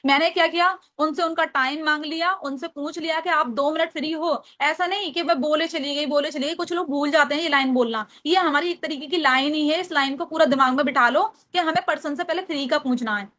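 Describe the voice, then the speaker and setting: A woman's voice: high voice, fairly quick, hardly any pauses, fairly bright tone. A young woman with an Agra Hindi accent trains a team on invitation calls, acting out sample calls and repeating lines so listeners can write them down. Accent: Hindi, from Agra, Uttar Pradesh. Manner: explains step by step, repeats lines for note-taking. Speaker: trainer teaching call scripts. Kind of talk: casual training talk with role-played calls.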